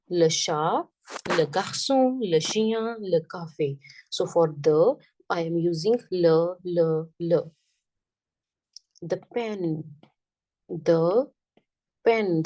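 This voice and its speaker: A woman teaching a French lesson, repeating each word slowly and often checking that the class understands. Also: fairly low pitch, warm tone, recorded from a distance, rough recording. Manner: patient, checks understanding with "got it?".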